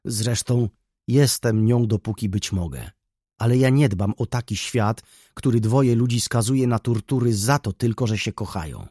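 A man reading an audiobook, voicing a gentle young woman who speaks with passion and defiance about love. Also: mid-range voice, normal speed, breathy edge, no room sound, studio quality, lightly acted. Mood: impassioned. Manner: passionate, pleading, rising to outbursts.

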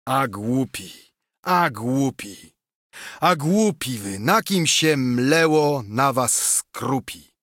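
Gloomy old nobleman, read by a man, slow weighed words, dry sound. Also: mid-range voice, expressive, a bit bright, dry recording, heavily acted. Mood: scornful. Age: older. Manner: slow, deliberate, scolding. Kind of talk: audiobook reading of an epic poem.

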